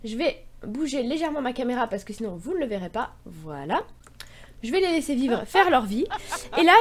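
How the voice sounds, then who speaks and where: A young woman from Brittany walking viewers through a game on screen, chatty and explanatory, spelling things out step by step. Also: high voice. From Brittany, France. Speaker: gaming YouTuber. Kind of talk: screen-recorded game tutorial.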